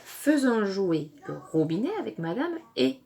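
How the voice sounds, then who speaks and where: A woman with a French accent teaches young children a phonics lesson, stretching out syllables and praising them often. Her mid-range voice is very animated with vocal fry, and there is background noise.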